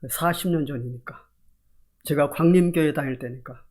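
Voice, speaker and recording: An older male pastor preaching a sermon with animated delivery, often quizzing the congregation. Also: fairly high pitch, normal speed.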